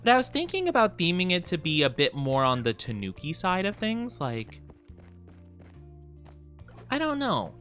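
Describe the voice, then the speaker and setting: A male game streamer chats casually with his viewers over soft music. His pitch swings freely up and down as he gushes thanks and greetings. He is bubbly and cutesy, often cooing. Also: huge pitch swings, moderate pace, pauses often. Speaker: VTuber streamer host. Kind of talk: casual livestream chat while playing a game.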